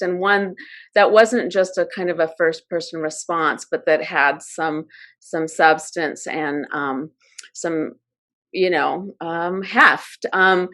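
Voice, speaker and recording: Halting, thoughtful middle-aged woman academic. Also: on the low side, fairly bright tone. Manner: thoughtful, halting, frequent ums and restarts. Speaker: academic panelist. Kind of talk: academic roundtable discussion.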